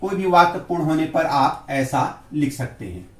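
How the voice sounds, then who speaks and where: A man teaching a grammar lesson to students, explaining slowly and spelling out examples word by word. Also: on the high side, expressive, a bit bright. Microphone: far from the mic. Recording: echoey room, from a distance.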